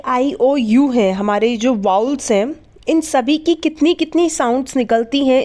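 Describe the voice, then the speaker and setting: A woman's voice: sits high, darkish tone. A woman teaching English letter sounds in a lesson, spelling words out letter by letter and asking questions that she answers herself. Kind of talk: phonics lesson.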